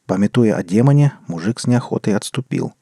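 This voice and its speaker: A man narrating an audiobook in a measured storytelling manner. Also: on the low side, animated, warm tone, slightly rough, no room sound, clean studio sound.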